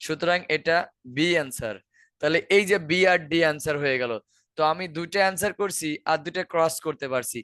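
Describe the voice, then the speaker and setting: A Bangladeshi man runs an online exam-prep lesson, walking students through answers one step at a time and asking rhetorical questions. His voice sits a little high for a man, and the recording is dry and close. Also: quick pace, fairly bright tone, clean tone, dry recording. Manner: explains step by step, repeats key words, asks rhetorical questions. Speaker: IELTS teacher.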